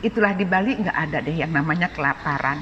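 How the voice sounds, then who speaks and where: A middle-aged woman from Bandung with a Sundanese accent, an art dealer chatting in an interview, animated and quick to laugh. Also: low-pitched, long reverb tail, muffled recording, a little hiss or hum. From Bandung, Indonesia. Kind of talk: casual interview.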